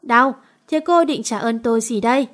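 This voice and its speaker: A woman's voice: a little high, normal speed, lightly acted. A woman doing a teasing young director. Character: young man, teasing, calm company director.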